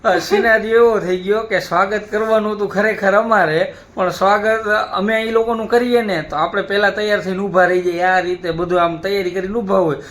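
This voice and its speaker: A man's voice: high voice, a little fast, few pauses. A man, hosting a family vlog and casually telling how the day went. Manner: relaxed storytelling, conversational. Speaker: family vlogger. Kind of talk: casual chat.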